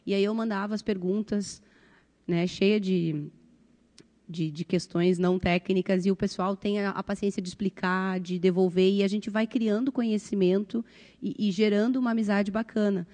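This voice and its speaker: A middle-aged woman with a southern Brazilian accent, a volunteer translator sitting on an indoor conference panel, speaks casually into a handheld microphone and keeps checking in with short tag questions. Her mid-range voice is dark in tone, with fairly even intonation and normal speed.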